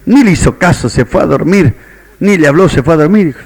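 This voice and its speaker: A man's voice: fairly high pitch, animated, fairly quick, a little mellow, husky. A man with a Rioplatense Spanish accent preaching a sermon as a pastor, telling a story and quoting its characters. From Argentina.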